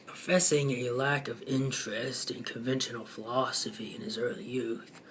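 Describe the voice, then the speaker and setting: A man hosting his own channel, casually reading aloud from a web page in a hesitant, halting way, dropping into soft muttered asides. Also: mid-range voice, steady tone, slight background noise. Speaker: channel host.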